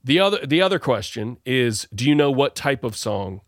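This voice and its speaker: A man's voice: mid-range voice, very animated, normal speed, no room sound, studio quality. A man hosting a show over a video call, talking in a rambling, playful way and often correcting himself. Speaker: podcast host. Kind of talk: casual songwriting chat.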